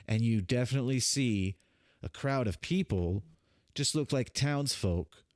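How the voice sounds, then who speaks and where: A man's voice: mid-range voice, expressive, unhurried, a little mellow, no room sound, clean studio sound. A young man as game master, narrating a tabletop scene in a rambling, hesitant way. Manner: rambling, hesitant, lots of fillers.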